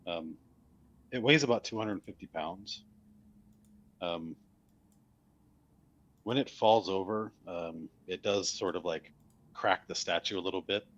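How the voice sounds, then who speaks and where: A man acting as game master, narrating a tabletop fantasy game casually and haltingly, thinking aloud. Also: sits low, a bit bright, dull audio.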